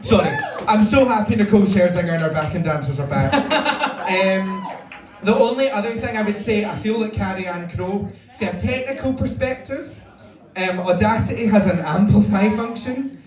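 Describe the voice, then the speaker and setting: A Scottish man with a high voice gives a stage critique as a judge. He is blunt, jokey and sweary, heard at some distance in an echoey venue. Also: lively intonation, moderate pace, a crowd in the background. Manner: blunt, joking, sweary judging. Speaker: judge at a drag competition. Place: roomy live venue with audience.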